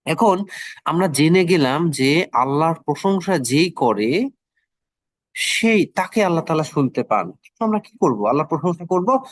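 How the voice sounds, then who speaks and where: A middle-aged man teaching an online class, who speaks slowly and repeats words so the listeners can practise. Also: fairly high pitch, no room sound, studio quality.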